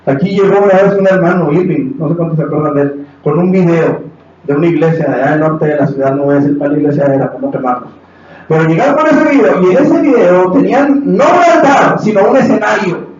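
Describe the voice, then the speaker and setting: Impassioned Mexican pastor in an echoey hall. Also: male voice, on the high side, lively intonation, fast talker. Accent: Mexican Spanish. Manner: impassioned, acts out quotes, rises to shouts. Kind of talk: sermon. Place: church hall. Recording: echoey hall from far off, dull, faint hiss.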